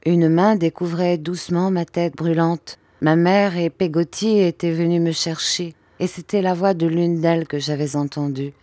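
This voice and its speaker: A woman narrating a classic novel in a steady, expressive reading voice. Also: fairly low pitch, moderate pace, few pauses, dry recording. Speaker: audiobook reader. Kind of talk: scripted narration.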